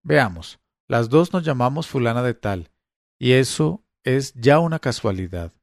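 A man's voice: mid-range voice, expressive, unhurried, vocal fry, no echo, clean studio sound. A man reading the lines of an anxious woman who argues on the phone, insisting like a prosecutor. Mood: insistent. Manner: tense, argumentative. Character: nervous woman who feels watched.

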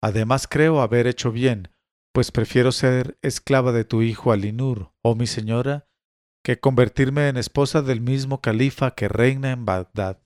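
A man's voice: medium pitch, moderate pace, darkish tone, clean tone, dry recording, natural voice. A man voicing a submissive young slave woman in a spoken story reading, with a dry sound. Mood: pleading.

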